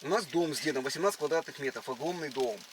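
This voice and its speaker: A man's voice: fairly high pitch, fast, natural voice. A man playing a brazen freeloading suitor in a prank date, pushy and boastful, with slushy lisped sibilants and slangy speech. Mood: pushy, cajoling. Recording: noisy location sound.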